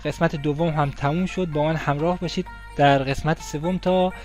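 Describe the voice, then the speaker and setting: A man teaching an English lesson in Persian, slowing down to model pronunciation and repeating phrases. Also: on the high side, fairly even intonation, faint music behind. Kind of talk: language lesson.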